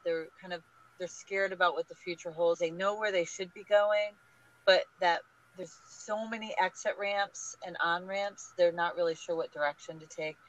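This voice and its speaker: A woman guest on a podcast interview, talking in an energetic, emphatic, advice-giving way. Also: fairly low pitch, moderate pace. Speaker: guest, small business group leader. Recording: dull lo-fi audio.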